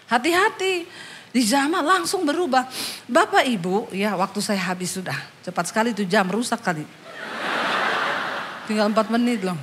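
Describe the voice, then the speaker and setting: High-voiced woman pastor, lively sermon. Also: normal speed, pauses often, slight background noise. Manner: lively storytelling, switching between low asides and high exclamations. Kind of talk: humorous sermon with acted-out anecdotes.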